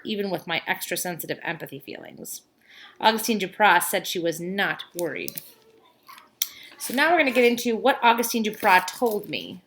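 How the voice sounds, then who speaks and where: A woman reads a children's story aloud in the manner of a teacher, at a medium pitch. She puts expressive emphasis on key words and adds casual asides.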